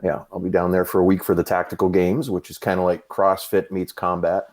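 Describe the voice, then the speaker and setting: Deep-voiced relaxed man from Massachusetts. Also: brisk. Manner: relaxed storyteller with frequent fillers. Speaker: podcast guest, fitness coach. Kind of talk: casual chat.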